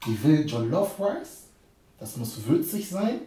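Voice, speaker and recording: A hyped, slangy man in his thirties hosts a cooking vlog, cracking jokes. His voice sits a bit high and is picked up from across a roomy kitchen. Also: big pitch swings, slow, warm tone, slight background noise. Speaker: cooking show host. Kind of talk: casual cooking vlog banter. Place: home kitchen studio, indoors. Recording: roomy and distant.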